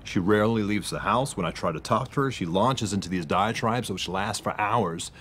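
An actor plays a middle-aged husband in a radio drama, earnestly confiding his worry. His voice is low, with faint noise in the background. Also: normal speed, fairly bright tone, close to an everyday voice. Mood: troubled, confiding.

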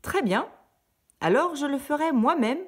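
Woman putting on a high little red hen. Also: animated, measured pace. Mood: determined. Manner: high, bright, emphatic exclamations. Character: busy, hardworking little red hen, female. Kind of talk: storybook reading.

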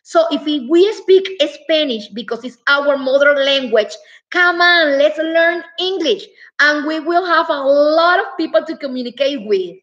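A woman's voice: high voice, animated, takes it slowly, a bit bright, lo-fi sound. A woman giving a casual online lesson, chatty and emphatic, talking straight to her viewers. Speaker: English teacher.

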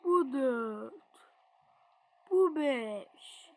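A young person commenting casually on a driving game, chatty and excitable, cheering and counting along. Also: female voice, sits high, very slow. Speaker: gaming channel host.

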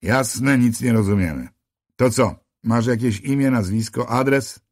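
A man's voice: mid-range voice, unhurried, no room sound, clean studio sound. A man voicing a tired, heavyset male police officer near fifty in an audiobook, matter-of-fact and a little sardonic. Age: middle-aged. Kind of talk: audiobook character voice.

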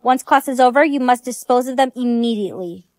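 High-pitched synthetic woman, text-to-speech. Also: a little fast, darkish tone, no room sound. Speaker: storytime voice. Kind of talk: text-to-speech storytime skit.

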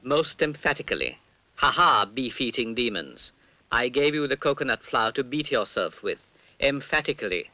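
A commanding possessed priest. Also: male voice, medium pitch, big pitch swings, moderate pace, pushed and bright, no room sound, low-quality recording. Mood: scornful. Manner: imperious, emphatic commands. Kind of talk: film reading of a ritual transcript.

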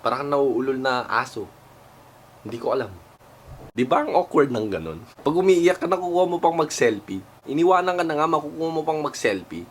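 A man's voice: a little high, very animated, fairly quick, a little hiss or hum. A man doing a comic vlog rant, mocking and exasperated, swearing freely. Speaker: vlogger.

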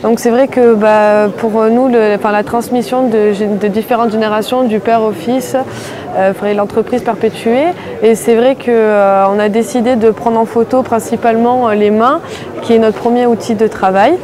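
A woman explains the project behind an exhibition she helped organize. She answers hesitantly and leans on many fillers. Her voice is somewhat high, and crowd chatter is clearly heard behind her. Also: fairly even intonation, normal speed. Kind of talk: interview answers.

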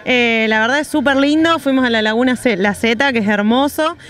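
Interviewed outdoors next to some parked vans, this young traveling artisan from Rosario talks about her journeys into a handheld reporter mic. Her Argentine Spanish is brisk, cheerful and chatty, a touch high and a bit bright, and "y bueno" and other fillers keep bridging her thoughts.

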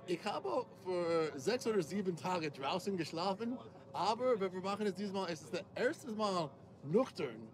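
A man's voice: high voice, lively intonation, moderate pace, crowd noise. A man in his forties, a native English speaker with an American accent in German, chatting casually and searching for words. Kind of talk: casual interview in halting German. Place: inside a coach bus. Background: music and vehicle ambience.

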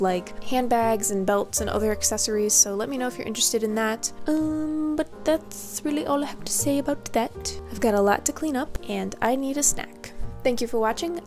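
Young adult woman, casual vlogger, slightly high voice, playful and self-deprecating; faint music bed. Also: a little mellow. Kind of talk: casual vlog chat.

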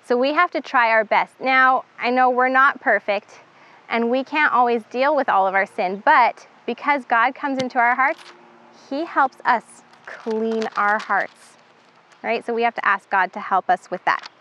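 Casting: young woman, children's club teacher, high bright voice, unhurried, slightly dull lo-fi recording. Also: a little hiss or hum. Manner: upbeat, instructive, counting down for the kids. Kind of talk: leading children in Bible verse memorization.

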